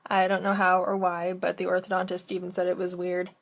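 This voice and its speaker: A woman's voice: on the low side, completely flat delivery, fairly quick, creaky. A woman with braces chatting casually to camera as a vlogger, rambling and interrupting herself as she goes. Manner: talking with braces.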